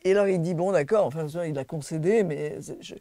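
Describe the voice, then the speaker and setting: A woman singer, a guest in a casual interview, telling animated stories with laughter and many restarts. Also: low-pitched, fairly quick, dry recording, studio quality.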